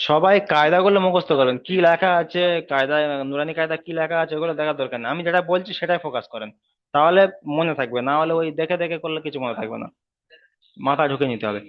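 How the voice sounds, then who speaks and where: A man's voice: on the high side, fast, lo-fi sound. A man teaching Quran letter pronunciation in an online class, patiently repeating letters and syllables. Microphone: video call.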